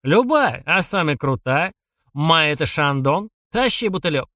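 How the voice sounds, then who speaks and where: A man's voice: on the high side, big pitch swings, unhurried, bright, forceful tone, no echo, studio quality, heavily acted. A man voicing a boorish drunken rich man, swaggering and mocking, in an audiobook. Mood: boastful. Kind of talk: audiobook character voice.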